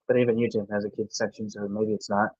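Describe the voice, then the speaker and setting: A man's voice: fairly low pitch, level tone, fast, darkish tone, no room sound. A young man from the American South chatting on his live stream, rambling with many restarts as he reads and answers viewers' chat. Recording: dull dry home mic.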